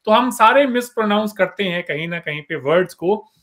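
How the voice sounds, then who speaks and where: A man hosting a talk show, speaking in an unhurried, casual way and reading out words one by one. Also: sits high, lively intonation, a bit bright. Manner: unhurried, reads word lists aloud. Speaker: host. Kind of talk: casual chat.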